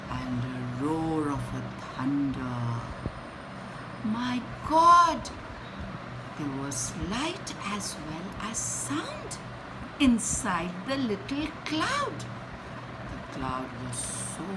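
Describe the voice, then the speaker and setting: A woman reads a children's story aloud in an expressive, dramatic, teacherly manner, pausing between short phrases and repeating words for effect. Her voice is medium-pitched, with background noise present.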